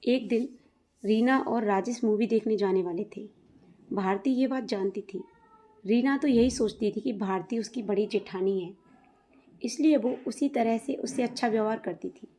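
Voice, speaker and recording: A woman storyteller reading a moral family story aloud in a steady, plain way, and asking her viewers to comment and subscribe. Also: fairly high pitch, moderate pace. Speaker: storyteller, channel host. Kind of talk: storybook narration.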